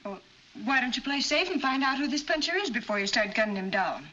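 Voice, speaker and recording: Casting: plucky American frontier gal, brisk and defiant, bright highish voice, vintage western film sound. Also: female voice, very animated, exaggerated voice. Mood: scornful. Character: spirited, defiant frontier woman running wagon trains. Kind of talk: 1940s western film acting. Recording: dull old film soundtrack, faint noise.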